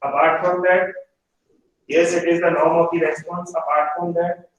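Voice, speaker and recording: Stern instructor in echoey room. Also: male voice, fairly high pitch, level tone, normal speed, recorded from a distance. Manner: stern, repetitive, pressing students for answers. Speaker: hotel management instructor. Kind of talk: classroom teaching with questioning.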